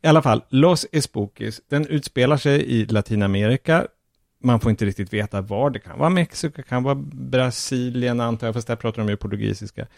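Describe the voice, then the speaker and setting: A man's voice: medium pitch, vocal fry, a little mellow, no room sound, clean studio sound. A man hosting a casual chat and recommending a comedy series, chuckling as he talks. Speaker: podcast host reviewing films and series.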